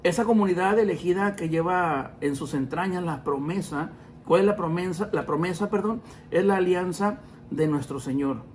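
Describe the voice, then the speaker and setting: A man's voice: high voice, normal speed, a little hiss or hum. A man around forty hosting a podcast, teaching the Bible in a casual, chatty way, with many fillers and self-corrections. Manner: addresses listeners as brothers.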